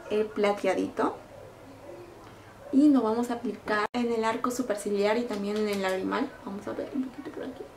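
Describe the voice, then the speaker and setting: A woman's voice: mid-range voice, slight background noise. Gushing woman in an echoey room. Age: middle-aged. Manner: gushing, excited, lots of diminutives. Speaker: beauty vlogger. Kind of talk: casual makeup demo.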